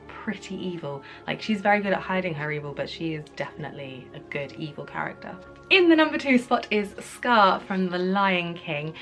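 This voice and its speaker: A woman's voice: fairly low pitch, a bit bright. A woman with a groggy, slightly congested voice from a cold and sore throat, chatting informally as she hosts a casual countdown vlog. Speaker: video host. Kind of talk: casual top ten list vlog.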